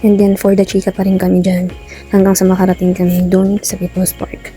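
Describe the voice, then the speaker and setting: A woman's voice: medium pitch, monotone, fairly quick, over loud music. A Filipino woman giving a chatty, playful voice-over narration for her vlog, addressing her viewers. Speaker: vlogger.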